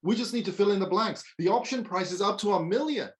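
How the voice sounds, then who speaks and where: An actor reading a screenplay over a video call takes the part of a laid-back, flirtatious film buyer, keeping things easy and teasing. She speaks fast at a medium pitch, acting it only lightly in this conversational read.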